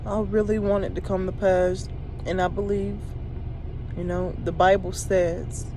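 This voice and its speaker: A young woman in her twenties talks through her feelings in an earnest, halting ramble. Her sentences stop and restart as she gathers her thoughts. Clear traffic noise runs behind her voice. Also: mid-range voice, level tone. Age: 20s. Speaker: vlogger. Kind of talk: emotional personal vent.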